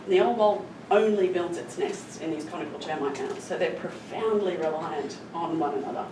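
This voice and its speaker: Lowish-voiced woman presenting in an echoey room. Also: normal speed. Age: middle-aged. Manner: earnest, emphatic with stressed adverbs. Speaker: conservation scientist presenting. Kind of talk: public presentation, explanatory storytelling. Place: echoey room, recorded from a distance. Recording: roomy echo, distant mic, clear background noise.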